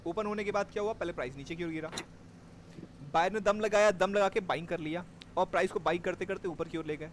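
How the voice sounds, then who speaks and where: A man's voice: high voice, quick pace, a little hiss or hum. A man teaching a live class on trading, explaining step by step and checking that his students follow. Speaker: stock market trading teacher.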